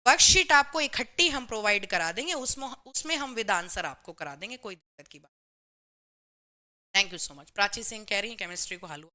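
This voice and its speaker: Bright-voiced woman teaching chemistry live. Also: medium pitch, animated, normal speed. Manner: reads out and answers student comments; says "bhai" and "theek hai" to the class often. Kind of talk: live online class.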